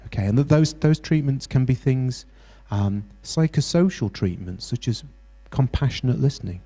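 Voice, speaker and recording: Leading a mental health workshop at a university hall, a British man teaches interactively, speaking to the group encouragingly yet stopping and restarting frequently. His medium-pitched voice is mellow with lively intonation.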